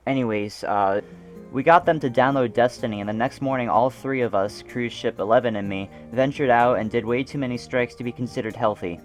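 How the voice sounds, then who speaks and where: A young man who makes gaming videos narrates a scripted, comedic gaming story with a mid-range voice, a little fast. He mocks himself, swears and breaks into asides, with faint music playing behind him.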